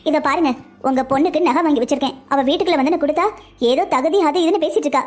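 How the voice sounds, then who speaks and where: A woman voicing a proud, wealthy middle-aged mother-in-law in a cartoon, talking in a sharp, scolding, sarcastic way. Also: high-pitched, rapid-fire, soft background music, close to an everyday voice. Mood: indignant. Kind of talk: cartoon dubbing.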